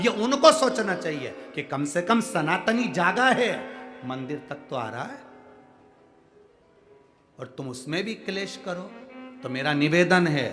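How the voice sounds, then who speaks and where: A middle-aged man with a high-pitched, slightly bright voice preaches a devotional sermon to a large crowd. He speaks emphatically and calls out to the audience for responses.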